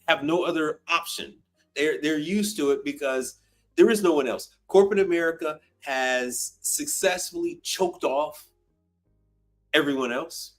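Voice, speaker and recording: A man in his fifties hosting a casual call-in live stream, blunt and profane, often repeating himself for emphasis. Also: a little high. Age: 50s.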